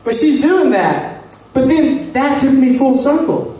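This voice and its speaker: A man's voice: extremely high pitch, big pitch swings, a little slow, warm tone. A male stand-up comic telling crude, rambling stories on stage in a comedy club. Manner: crude, rambling anecdotes with asides. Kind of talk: stand-up storytelling. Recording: echoey club heard from a distance.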